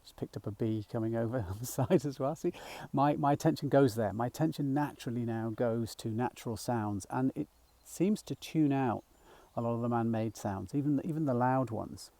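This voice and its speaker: Gravelly middle-aged man vlogging outdoors. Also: medium pitch, normal speed, hardly any pauses, dry recording. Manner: rambling, gentle, with frequent fillers and restarts. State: slightly out of breath. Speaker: nature mindfulness guide. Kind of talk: casual walking vlog. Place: outdoors in a field by a small woodland.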